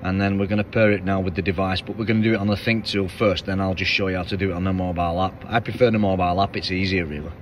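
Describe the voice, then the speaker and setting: A chatty British man from the United Kingdom, a car mechanic vlogger, speaks in a low voice with fairly even intonation, rapid-fire and with few pauses. He's filming a casual vlog on a phone held at arm's length in an indoor car workshop, where noise is audible. His manner is blunt and rambling, with fillers.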